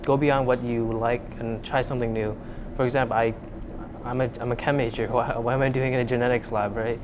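This young Vietnamese undergraduate talks a little fast and flatly in a mid-range voice while casually explaining his lab work. A lapel mic records him indoors in a noisy university lab, and his speech is hesitant, with plenty of fillers and restarts.

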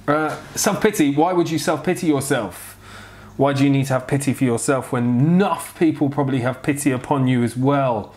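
A man in his thirties talks in a medium-pitched, wheezy voice, short of breath and a little unwell. He answers questions in a casual, frank and rambling style. It sounds like an informal vlog recorded on a clip-on mic at home. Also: darkish tone, a little hiss or hum. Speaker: vlogger answering viewer questions. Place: home kitchen, indoors. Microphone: clip-on lapel mic.

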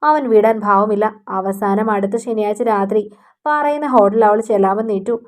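A woman narrating a scripted story in a steady, even reading voice. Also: mid-range voice, normal speed.

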